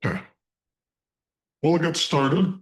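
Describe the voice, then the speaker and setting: Male online instructor, voice electronically disguised to sound deep and unclear, speaking in measured phrases. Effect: voice changer giving a disguised deep, Darth Vader-like voice. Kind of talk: live online lecture. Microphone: online video call through a voice changer.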